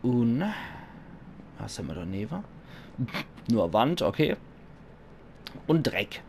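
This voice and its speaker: A man's voice: medium pitch, very animated, slow pace, vocal fry, a little mellow. A man doing casual, blunt let's play commentary, reacting aloud and swearing as he plays. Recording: faint background noise.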